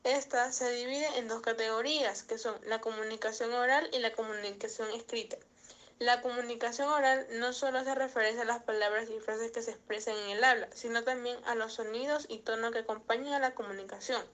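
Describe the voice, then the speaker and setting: A young female student reads her definitions for a class presentation in a steady, formal way. Her voice sits a little high. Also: fairly quick. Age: young adult. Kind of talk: read-aloud class presentation.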